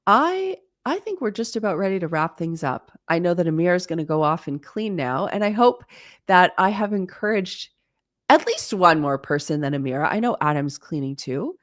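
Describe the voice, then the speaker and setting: A woman's voice: fairly low pitch, big pitch swings, moderate pace, no echo, studio quality. A woman in her forties hosting a live-stream Q&A, talking in a chatty, candid way with plenty of fillers. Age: 40s. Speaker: host.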